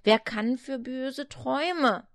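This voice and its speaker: A woman voicing a kindly old grandmother in a read-aloud fairy tale, speaking slowly and softly, sometimes in a whisper. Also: high-pitched. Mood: soothing. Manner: hushed, slow and soothing, at times whispered. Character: soft-spoken old grandmother, kindly and soothing.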